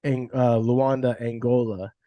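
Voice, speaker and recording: A man hosts a podcast in easygoing chat, wandering through his thoughts. His voice sits at a middle pitch, and the recording is dry and close. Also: unhurried, no room sound. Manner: relaxed, rambling, many fillers like "like" and "you know". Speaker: podcast host.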